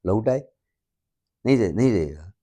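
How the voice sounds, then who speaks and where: A man's voice: fairly low pitch, lively intonation, normal speed, dark tone. A man teaching a maths class in a chatty way, repeating key points, mixing English terms into his explanations and checking that students follow. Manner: stops often to check that students understand. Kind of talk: classroom lecture.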